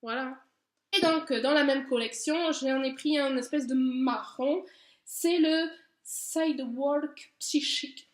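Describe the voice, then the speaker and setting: A woman with a high voice talks casually and gushes with enthusiasm as she presents her haul. The sound is echoey and roomy. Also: slow pace. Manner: enthusiastic, gushing, chatty with fillers. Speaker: beauty vlogger. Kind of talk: casual product haul chat.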